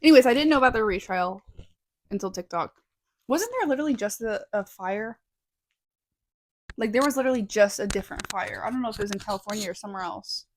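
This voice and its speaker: Young gal co-hosting a podcast, chatty, laughs a lot, munching popcorn. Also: female voice, mid-range voice, quick pace, long pauses. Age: young adult. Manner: chatty, laughs often, eats popcorn while talking. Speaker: podcast co-host. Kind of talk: casual chat.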